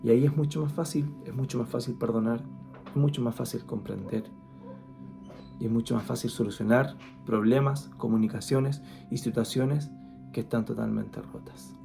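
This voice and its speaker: Gravelly, earnest man giving a devotional talk. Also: medium pitch, steady tone, normal speed, music in the background. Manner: conversational, earnest, with frequent restarts. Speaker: guest speaker.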